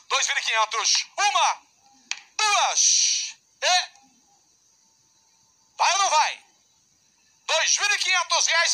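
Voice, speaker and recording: A Brazilian man working as a livestock auctioneer, calling bids in a loud, insistent, repetitive chant. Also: extremely high pitch.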